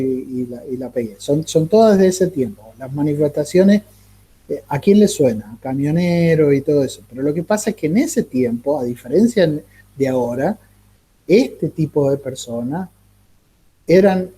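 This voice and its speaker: A man lecturing a class, halting and repeating words, often asking the listeners rhetorical questions. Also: a little high, dark tone, breathy edge. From Argentina. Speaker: teacher.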